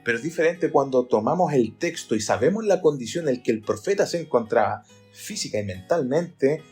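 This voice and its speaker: A pastor talks earnestly on a Bible podcast, often acting out the verses he reads. His voice sits at an ordinary middle pitch. Faint guitar music runs behind him. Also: lively intonation, fairly quick, a little mellow. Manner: earnest, explains by acting out readings.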